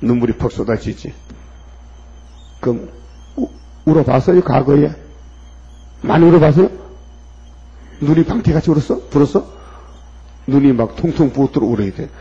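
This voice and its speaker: A man's voice: medium pitch, expressive, normal speed, long pauses, dark tone, husky. A man preaching a sermon in an emphatic way, firing pointed questions at his listeners. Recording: dull lo-fi recording.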